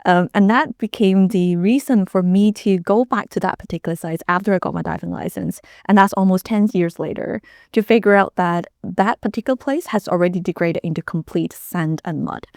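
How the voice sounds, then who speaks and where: A woman in her thirties from Hong Kong speaks on a panel as a founder. Her voice is lowish with a gravelly edge, and she tells her story in a measured, thoughtful way. The sound is dry and close. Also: a little mellow, no room sound. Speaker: startup founder and CEO. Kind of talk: panel conversation.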